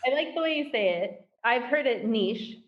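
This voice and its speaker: A woman's voice: a little high, expressive, normal speed, lo-fi sound. A woman from the United States, chatty and upbeat, laughing easily as a guest in a casual video-call interview.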